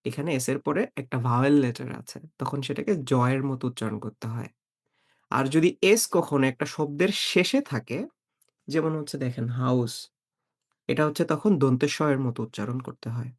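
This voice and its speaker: A man leads a beginner German lesson in a calm, explanatory tone. He slows down to repeat example words one by one. His voice stays at an ordinary middle pitch. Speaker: German language teacher.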